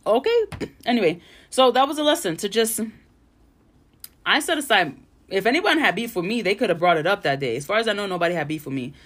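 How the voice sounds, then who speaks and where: A woman's voice: medium pitch, lively intonation, brisk, pauses often, a bit bright. A young adult woman hosting a casual solo podcast from home. She talks frankly and chattily and swears freely. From Puerto Rican family. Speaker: podcast host. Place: bedroom vanity at home.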